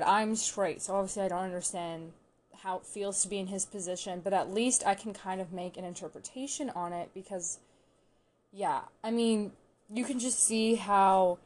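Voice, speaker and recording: A young woman in a casual reaction vlog, gushing and excitable, talking with lots of filler words. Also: mid-range voice. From Canada. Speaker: vlogger reacting to a TV series.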